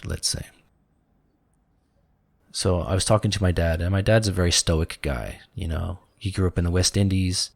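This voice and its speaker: A man with a low, gravelly voice shares a personal story on a spiritual talk show. He talks in an earnest, reflective way and leans on filler words. The sound is dry and close. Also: no room sound. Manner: reflective, earnest, many "you know" fillers. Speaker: podcast co-host.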